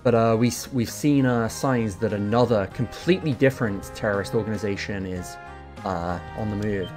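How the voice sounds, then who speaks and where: A man hosts a let's-play, casually translating the game's dialogue aloud in a loose, offhand way full of fillers. His voice is lowish and a little fast, and there's music underneath.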